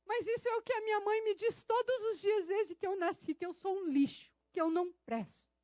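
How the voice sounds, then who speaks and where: A woman's voice: very high-pitched, fairly quick, darkish tone, no echo. A woman preacher giving a testimony in a sermon, telling a story and building to emphatic preaching. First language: Portuguese.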